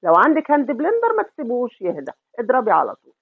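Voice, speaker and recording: A woman's voice: on the high side, huge pitch swings, very fast, breathy edge, no echo, phone-quality sound. A middle-aged woman with an Egyptian accent hosts a home cooking tutorial. She talks affectionately, calls the viewer sweetheart, and asks and answers her own questions. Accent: Egyptian Arabic. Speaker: cooking channel host.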